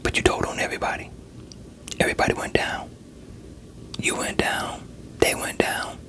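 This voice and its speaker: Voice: moderate pace, fairly bright tone, close to an everyday voice. A performer in a whispered role-play voicing a veteran police interrogator who coaxes and pressures a suspect in a sceptical, streetwise way. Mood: sceptical, pressing.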